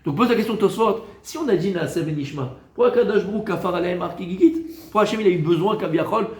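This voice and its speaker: A man, a rabbi, giving a Torah lesson in a lively way, teasing his listeners with joking asides. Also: sits high, fast talker, roomy sound.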